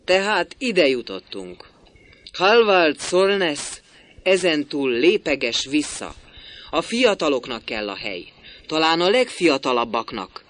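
A man reading a play aloud, voicing a stubborn, bitter middle-aged master builder who talks forcefully and in exclamations. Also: mid-range voice, big pitch swings, pitched above the performer's own voice.

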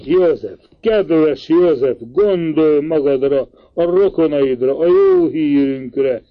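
A man's voice: a little high, phone-quality sound, pitched above the performer's own voice, natural voice. A man voicing an agitated elderly uncle who exclaims and pleads. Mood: pleading.

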